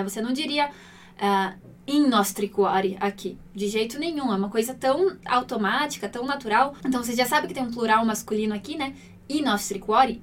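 A woman with a Brazilian Portuguese accent teaching Italian grammar, patient, checking in often and slowing down to spell out examples. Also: fairly high pitch, recorded from a distance, a little hiss or hum. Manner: slows down to spell out example phrases.

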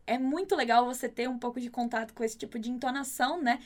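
A woman, a native Portuguese speaker, teaching a Spanish lesson, saying drill sentences slowly and chatting between them. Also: fairly high pitch. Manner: slow, exaggerated drill phrasing, chatty asides.

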